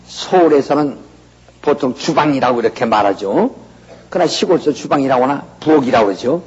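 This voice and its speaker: Older guy teaching bible class, folksy, keeps asking the room, raspy fry, kinda high voice. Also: darkish tone. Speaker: Bible lecturer. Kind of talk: conversational lecture. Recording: lo-fi recording in a reverberant hall.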